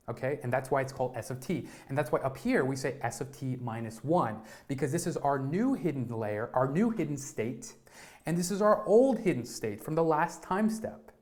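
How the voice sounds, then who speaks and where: A man in his twenties with a mid-range voice gives an energetic tech lesson on a live stream. He often repeats words and keeps checking in with "right?" and "okay?".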